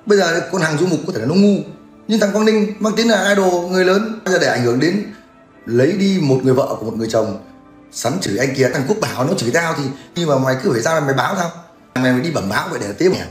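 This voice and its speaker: A man's voice: on the high side, expressive, fast talker. A man, ranting crudely and mockingly in a livestream. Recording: echoey room with faint music.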